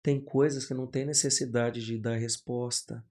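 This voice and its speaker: A man, a pastor, talks casually as a podcast guest. His pitch sits in a middle range for a man. He tells lively anecdotes and slips into the voices of the people he quotes, on a close studio mic. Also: moderate pace. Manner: animated storyteller who acts out quoted voices.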